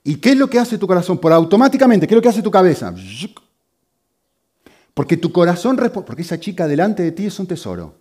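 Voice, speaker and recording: Lively, animated preacher man. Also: high voice. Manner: brisk, explanatory, with frequent checking "¿sí?". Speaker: pastor. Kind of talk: sermon teaching.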